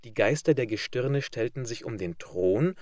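A man narrating a fairy tale in a measured, even literary reading, close to the mic. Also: medium pitch, dry recording. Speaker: audiobook narrator.

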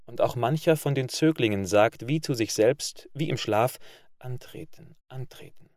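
A man narrating a literary story in a measured reading voice. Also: medium pitch, no echo, studio quality. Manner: measured reading, loud barked commands for characters.

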